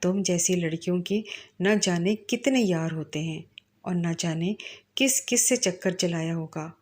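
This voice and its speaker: A woman voicing an angry young husband, read plainly in her own low voice as part of a storybook narration. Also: a little mellow, close to an everyday voice.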